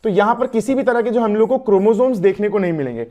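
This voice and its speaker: A male biology teacher with an Indian accent gives an exam-prep lecture in a fairly high voice. He talks in a chatty way, drifts between Hindi and English and keeps asking his students questions. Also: fast talker, mellow.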